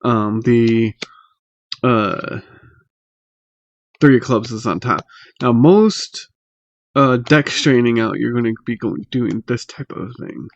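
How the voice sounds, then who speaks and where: A man giving a casual, unscripted tutorial in a halting, hesitant way, pausing mid-phrase, recorded on a laptop microphone. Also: medium pitch, no room sound, dull audio. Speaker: magic tutorial host. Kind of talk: casual unscripted how-to explanation. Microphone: laptop built-in mic.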